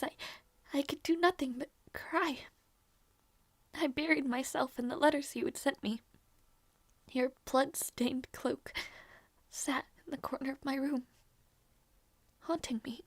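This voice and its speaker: Woman acting high-voiced grieving princess Aera Haima. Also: no room sound. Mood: mournful, subdued reflection. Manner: halting, repeating words, emotionally intense. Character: grieving young princess, desperate, stubborn, loyal. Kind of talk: dramatic audio roleplay acting.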